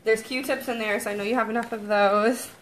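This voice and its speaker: A woman's voice: a little high, steady tone, brisk, a little hiss or hum. A young woman chatting casually with her viewers on a livestream, giggly and talkative. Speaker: vlogger.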